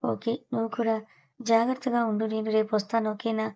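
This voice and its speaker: A woman's voice: on the high side, flat delivery, a little fast, vocal fry, warm tone. A woman voicing a young husband who talks in a teasing, reassuring way, in an audio story. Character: young man, playful, protective husband.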